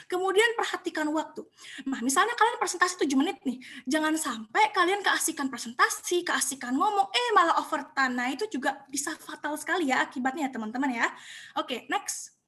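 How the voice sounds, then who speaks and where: High-voiced young woman giving upbeat tips. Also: animated, sharp tone. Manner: chatty and encouraging, many filler pauses. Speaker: webinar presenter. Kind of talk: casual tips lecture.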